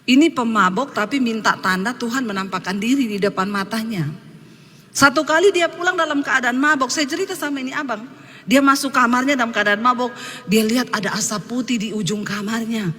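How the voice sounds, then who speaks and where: A woman pastor preaching a sermon, telling a story in a lively way and acting out the people in it. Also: a little high, brisk, long reverb tail. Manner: lively storytelling, acts out quotes.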